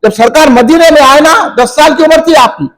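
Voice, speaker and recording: A man preaching a fiery sermon at a religious gathering in a function hall. He questions the crowd and rises to shouts. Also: extremely high pitch, fairly quick.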